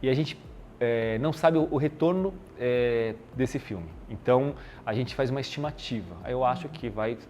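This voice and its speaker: A man's voice: medium pitch, moderate pace, slight background noise. A man with a Brazilian Portuguese accent, a podcast guest talking casually about his marketing job, with lots of fillers. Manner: relaxed, explanatory, lots of fillers.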